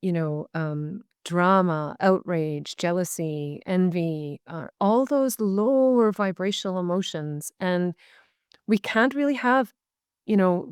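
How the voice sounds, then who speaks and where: This guest is a medical intuitive with a Canadian accent, chatting casually on a video call interview in an earnest, reflective way and reaching through long, searching phrases. She has a lowish, clean-toned voice. There's no echo, and the studio sound is clean.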